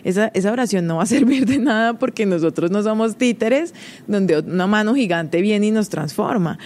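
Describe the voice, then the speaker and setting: A woman's voice: mid-range voice, lively intonation, normal speed, a little mellow. A woman, hosting a casual, confiding monologue and laughing often as she talks. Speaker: host.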